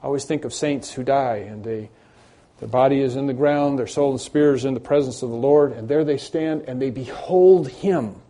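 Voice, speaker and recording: A man preaching an expository sermon, reading scripture aloud slowly and repeating key phrases for emphasis. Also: medium pitch, warm tone.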